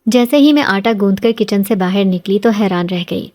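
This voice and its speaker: Female horror storyteller, steady dramatic read. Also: medium pitch. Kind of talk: scripted horror story narration.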